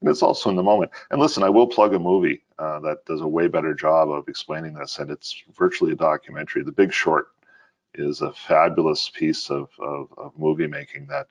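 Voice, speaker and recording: A man with a very deep voice co-hosting a casual finance podcast. He talks animatedly, breaking into laughter and stumbling through restarts as he explains. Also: sing-song, fairly quick, gravelly, muffled recording. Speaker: podcast co-host.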